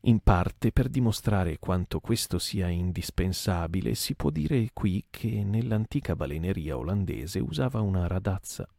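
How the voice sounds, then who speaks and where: A man reading a classic novel aloud as a calm, sleep-inducing narration, with occasional small restarts. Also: low-pitched, normal speed, creaky, hardly any pauses, no room sound, clean studio sound. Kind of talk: soporific audiobook reading.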